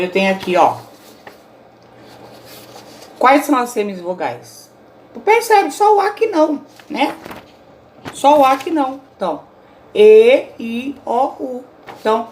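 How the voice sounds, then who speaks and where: A woman teacher talks through a recorded grammar lesson at a steady, patient pace and keeps checking in with her students. A faint hiss sits under her voice in a home recording. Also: a little high, measured pace, pauses often. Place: indoors, self-recorded at home.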